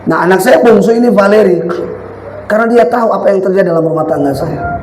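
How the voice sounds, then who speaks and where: A middle-aged male pastor preaching animatedly, shouting out his points and then dropping into storytelling. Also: sits high, sing-song, fast talker, slight background noise. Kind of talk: sermon. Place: church sanctuary. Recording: echoey church hall with faint ambience.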